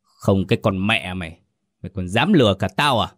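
Guy reading as an enraged old dad, low voice, spitting insults, dry and close. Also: animated, brisk, no room sound. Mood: raging. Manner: raging, shouting insults. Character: furious older father, proud and violent.

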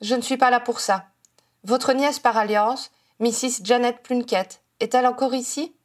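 A woman reader voicing a calm, firm male head of a wizard police force. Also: on the high side, normal speed, natural voice.

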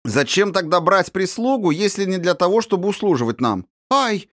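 A man reading an audiobook, voicing a spoiled, capricious little rich girl in high, squealing chatter. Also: animated, a little fast, no room sound, studio quality. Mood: mocking. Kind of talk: audiobook character voice.

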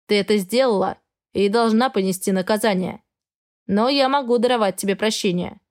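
A woman voicing a cold, arrogant male dragon husband who speaks in a flat, indifferent tone. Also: medium pitch, normal speed, lightly acted.

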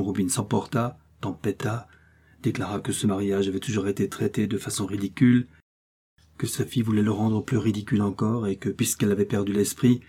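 A male audiobook narrator reads a nineteenth-century novel in measured, unhurried phrases. His voice sits low and mellow, with a husky, breathy grain to it. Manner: measured, literary reading. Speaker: audiobook reader. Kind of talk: scripted narration.

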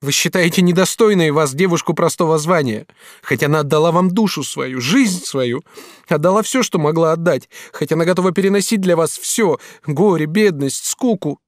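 A high, lively young maidservant, as a man acts her out, devoted and quick to take offence. Her lines leap and fall as she pleads and protests. The sound is close and dry, with no room around it. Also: dry recording. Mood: pleading. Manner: emphatic, pleading, rising exclamations. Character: young woman servant, devoted, proud, quick-tempered. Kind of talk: audiobook character reading.

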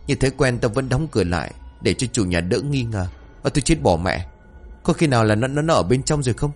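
A man's voice: mid-range voice, animated, a little fast, soft background music. A man voicing a short-tempered older gang boss who snaps and scolds. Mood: gruff. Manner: snapping, scolding.

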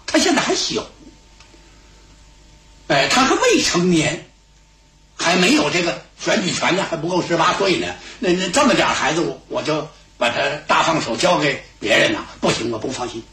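A man's voice: a little high, a bit bright, slight background noise. A storyteller voicing a proud, aloof noblewoman who firmly refuses her husband, in a roomy radio studio recording. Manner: aloof, measured, firm. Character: proud cold noblewoman, protective mother.

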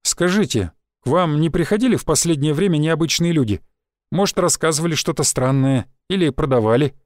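A man voicing a calm, menacing stranger who speaks in a dry, level way. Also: on the high side, brisk, no echo, natural voice. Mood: cold calm. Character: calm, menacing male stranger, cold and unhurried.

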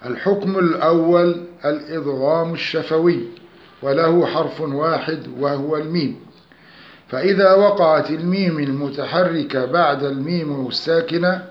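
Guy reading out a tajweed lesson, slow and measured, lo-fi sound. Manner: measured, slows to recite examples with nasal humming. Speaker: tajweed teacher. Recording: echoey dull low-fi room recording.

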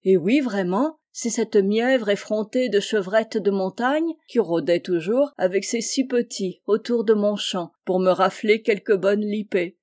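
A woman voicing a polite, noble young peasant hero who speaks in a measured, slightly lofty way. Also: mid-range voice, darkish tone, lightly acted. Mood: scornful.

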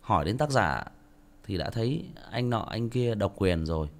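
A man's voice: lowish voice, sing-song, normal speed, vocal fry. A man with a Northern Vietnamese accent, an audiobook narrator talking bluntly and self-mockingly to his listeners in a casual monologue.

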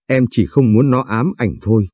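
A man's voice: medium pitch, normal speed, mellow, breathy edge, no echo, natural voice. A man reading the lines of a young mother begging a kidnapper to spare her son, in an imploring way. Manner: pleading, imploring.

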